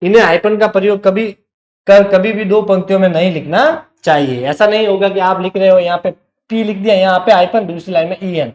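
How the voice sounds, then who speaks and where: Male teacher, high-pitched, patient step-by-step online lecture, roomy echo. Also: fairly even intonation, fairly quick, darkish tone. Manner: explains step by step, checks with the class.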